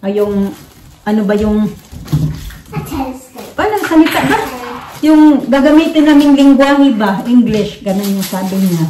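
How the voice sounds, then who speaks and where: A woman's voice: on the high side, expressive, a little slow, long pauses, mellow, far from the mic. A woman from the Philippines chatting casually to her viewers, rambling with many fillers and restarts. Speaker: vlogger. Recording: roomy, from off the mic, faint noise.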